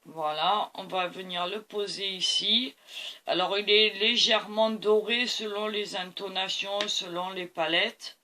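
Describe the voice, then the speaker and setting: Woman, painting tutorial host, slow unhurried talk, bright tone, tired, enthusiastic. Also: medium pitch, fairly even intonation. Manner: enthusiastic, keeps praising the colors. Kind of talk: art demonstration talk to camera.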